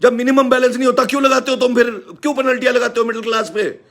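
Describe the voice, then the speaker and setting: A man with a Haryanvi accent hosting a live stream, ranting loudly and indignantly as he scolds a company. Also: very high voice, fairly even intonation, very fast. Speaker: live-stream host and teacher. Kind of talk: angry live-stream rant.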